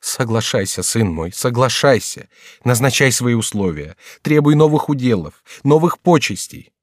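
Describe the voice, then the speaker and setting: A man's voice: mid-range voice, animated, moderate pace, no echo, clean studio sound, voice pushed up, natural voice. A man reading aloud, voicing a scheming aging queen mother who sounds tender while demanding obedience. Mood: coaxing. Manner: falsely tender, imploring tone.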